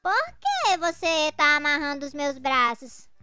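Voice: sits high, big pitch swings, a little slow, bright, forceful tone, faint music behind, full character voice. An actor voicing a timid little boy, a reluctant sidekick who protests and gives in, in a children's comic dub. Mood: puzzled. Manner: protesting, whiny, resigned.

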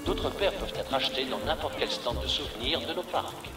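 A man voicing a formal, polite theme park announcer heard over a public address loudspeaker in a game. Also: medium pitch, expressive, brisk, over loud music. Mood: announcing. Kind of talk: scripted announcement. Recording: echoey distant loudspeaker, loud rain. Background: loud rain.

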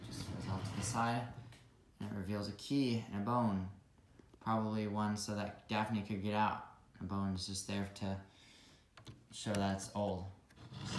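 A young man with a deep, low voice chats casually while reviewing a toy set, trailing off into asides and fillers. His voice bounces around an echoey room, with audible noise behind him. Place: room at a table with toys.

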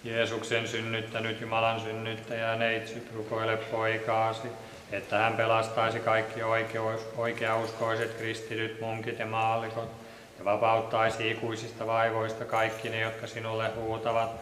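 A man reading liturgical prayers in a steady, monotone recitation in a large church. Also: fairly low pitch, a little hiss or hum. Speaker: liturgical reader. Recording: echoey church with long reverb.

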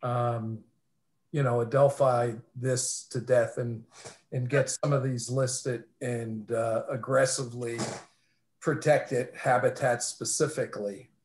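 A man in the audience asking a question on a video call, halting and searching for words. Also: medium pitch. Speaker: audience member.

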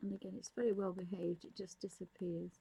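A woman's voice: fairly low pitch, flat delivery, brisk, vocal fry, mellow, breathy edge, rough recording. A woman giving a casual, unscripted art tutorial, musing and thinking aloud as she draws. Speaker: digital art tutorial presenter. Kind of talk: casual, unscripted demonstration commentary.

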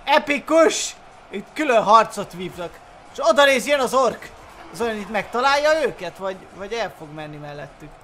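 A young man giving excited gameplay commentary, often laughing and exclaiming. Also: high voice, soft background music. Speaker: gaming YouTuber.

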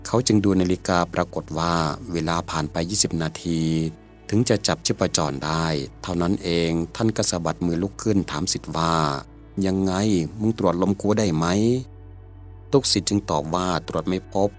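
A man giving scripted storytelling narration in an even, measured way. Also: sits low, faint music behind.

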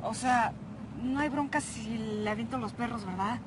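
A woman's voice: high voice, fairly even intonation, normal speed, background noise, close to an everyday voice. A woman playing a sassy teasing girl. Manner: teasing, slangy. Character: sassy young woman, teasing her sister.

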